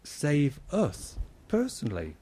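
A man giving a lively children's talk in church, acting out his points with big shouts and questions. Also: fairly high pitch, takes it slowly, slight background noise. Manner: animated, acts out shouting for help.

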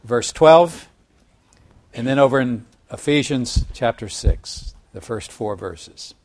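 A man preaching a sermon in a measured teaching tone. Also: mid-range voice, animated, a little mellow. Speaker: pastor.

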